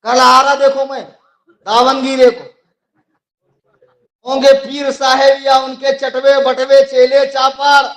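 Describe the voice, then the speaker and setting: A man with a Mumbai accent preaching a fiery sermon at a live religious gathering, often shouting and mocking his opponents. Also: extremely high pitch, completely flat delivery, slow, pauses often, echoey room, poor audio. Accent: Mumbai Hindi. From India.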